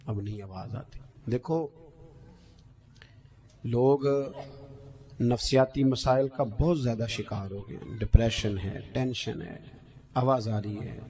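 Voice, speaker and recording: A male preacher, delivering an impassioned sermon that swings between loud outbursts and hushed asides. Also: mid-range voice. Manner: chants verse in a sung tone. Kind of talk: Islamic sermon.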